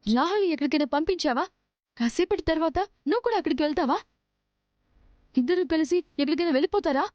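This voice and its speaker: A woman's voice: high voice, animated, fast, darkish tone, no room sound, dull audio. An actress playing a jealous, scheming young woman in a TV serial drama, accusing and threatening a maid.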